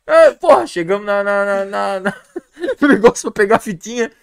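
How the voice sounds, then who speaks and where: Man, podcast guest, casual storytelling, animated, laughing, swearing. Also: sits high, moderate pace, vocal fry, smooth. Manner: animated, laughing and swearing while telling stories.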